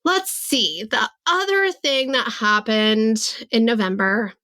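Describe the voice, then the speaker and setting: A woman's voice: fairly high pitch, slow pace, bright, forceful tone. A woman in her forties hosting a solo podcast, talking candidly and reflectively about her business, often saying "like" and voicing her own thoughts as quotes. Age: 40s. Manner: reflective, candid, many "like" fillers. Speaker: podcast host and business coach. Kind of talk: casual solo podcast monologue.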